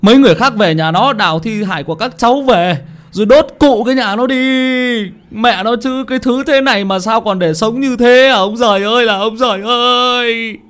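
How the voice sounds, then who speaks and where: A man's voice: mid-range voice, lively intonation, brisk, few pauses, slightly rough. A man voicing a vengeful village father ranting at a crowd.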